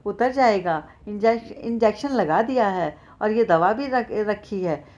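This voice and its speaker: A woman's voice: mid-range voice, lively intonation, measured pace, darkish tone, muffled recording, natural voice. A woman reading a brusque scolding young man. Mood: instructing. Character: stern young village man, doctoring his wife.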